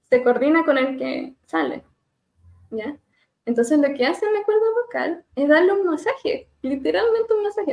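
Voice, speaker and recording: A woman speech therapist leading a webinar on voice care, gently demonstrating hums and glides over a video call and laughing at herself now and then. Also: high-pitched, vocal fry. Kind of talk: live webinar lesson on vocal exercises.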